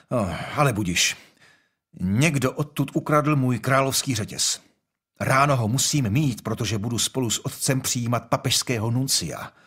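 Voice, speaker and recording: A man's voice: mid-range voice, fairly bright tone, slightly rough. A man voicing a young, imperious and impatient king in an audiobook, speaking in a commanding, brusque way.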